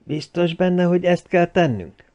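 A man's voice: high voice, warm tone, no echo, highs cut off, pitched above the performer's own voice, lightly acted. A man doing a jumpy, alarmed companion. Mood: uneasy. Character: Ferguson, anxious excitable man.

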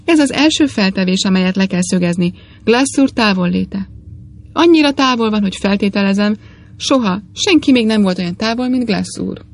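A woman reading an audiobook, voicing a gentle, eccentric little male priest with eager, apologetic exclamations. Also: mid-range voice, expressive.

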